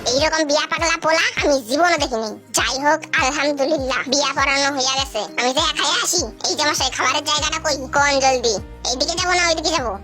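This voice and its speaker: A voice actor playing a grumbling, hungry old male wedding officiant, in a cartoon with loud music behind. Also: high voice, fast, natural voice. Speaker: marriage officiant.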